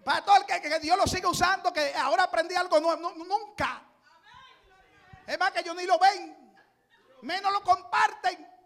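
A middle-aged man preaching in a strikingly high voice. He builds to loud, impassioned cries, repeats his phrases again and again, and then drops back into plain talk to tell his stories. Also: normal speed. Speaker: pastor. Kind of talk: sermon.

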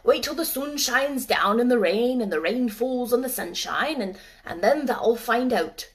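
A woman voicing a gruff, grumbling old male gardener with a put-on in an audiobook. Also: on the high side, animated, measured pace. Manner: gruff, grunting, clipped old-fashioned speech. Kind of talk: audiobook character voice.

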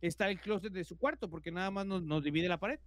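A Mexican man with a high voice, co-hosting a podcast and spinning a scary story in relaxed everyday speech. He fills nearly every phrase with slang and mimics the sounds himself. The recording is dry and close. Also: quick pace, no room sound. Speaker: podcast co-host. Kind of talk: casual horror storytelling.

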